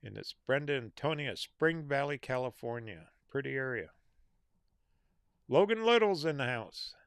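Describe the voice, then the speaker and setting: A man's voice: mid-range voice, very animated, moderate pace, clear, resonant tone, no room sound, studio quality. A man hosting a live stream, reading out viewer names and comments in a casual chat and answering their questions, his voice a bit worn. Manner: reads out viewer names and comments with small laughs. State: losing his voice.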